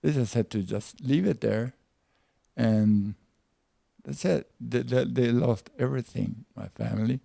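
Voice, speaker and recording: An older man in his eighties from Peru speaks slowly and with care, his gravelly voice dark and heavy. The sound is dry and close, with no room around it. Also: medium pitch, dry recording. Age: 80s. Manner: slow, deliberate recollection with repeated words. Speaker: interviewee. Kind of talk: oral history interview.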